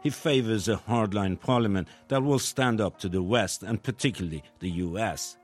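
A man narrating a scripted news report in a measured, grave delivery. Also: fairly low pitch, faint music behind.

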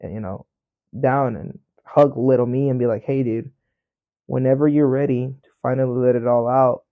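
A man's voice: medium pitch, steady tone, moderate pace, no echo, phone-quality sound. A man co-hosting a podcast, talking frankly and animatedly in casual chat, swearing often. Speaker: podcast co-host.

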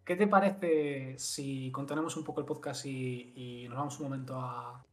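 A man's voice: medium pitch, fairly even intonation. A young man from Galicia co-hosting a casual podcast, joking playfully. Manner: fast, playful, jokey asides. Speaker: podcast co-host. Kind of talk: casual chat.

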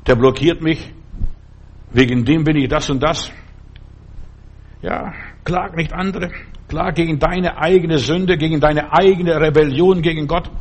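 Earnest preacher man with husky voice. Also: fairly high pitch. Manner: earnest, asks many rhetorical questions. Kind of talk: sermon.

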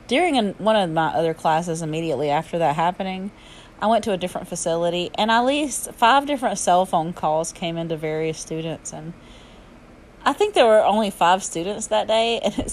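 Low-voiced woman with a Southern drawl. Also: a little hiss or hum, poor audio. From Alabama, southern United States. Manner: southern drawl with regional slang. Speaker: podcast host and yoga and fitness teacher. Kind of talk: chatty solo podcast talk.

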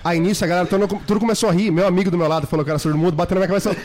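A man's voice: sits high, very fast, a little hiss or hum. A young man, a podcast guest, telling a funny story in casual chat, acting out voices and laughing as he goes. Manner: animated, acts out voices and shouts in his stories; laughs often while telling.

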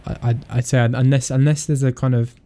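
A man's voice: mid-range voice, level tone, fairly quick, mellow. A man hosting a casual podcast chat, joking, laughing often and restarting his sentences. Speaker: podcast host.

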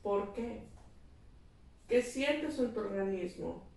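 A woman's voice: mid-range voice, expressive, slow pace, vocal fry, darkish tone. A middle-aged woman talking earnestly about parenting, explaining and acting out what children say. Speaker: child therapist guest. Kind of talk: casual conversation. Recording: echoey room, mic at a distance.

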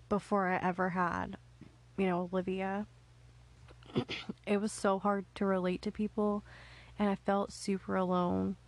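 A woman's voice: mid-range voice, dry recording. A woman in her thirties co-hosting a podcast, chatting in a giggly, confessional way. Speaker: podcast co-host. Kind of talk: casual chat.

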